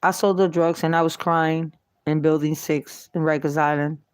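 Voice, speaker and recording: A woman's voice: low voice, level tone, moderate pace, smooth, no room sound. A middle-aged woman telling her own life story in an emotional, repetitive testimony driven by faith. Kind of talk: personal testimony monologue. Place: New York.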